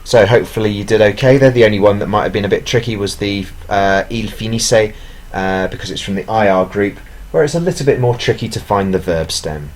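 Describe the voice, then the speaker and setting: Lowish male teacher voice, patient explanatory tone, plenty of fillers. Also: brisk. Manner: explanatory, with fillers and self-corrections. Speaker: language teacher. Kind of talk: recorded language lesson.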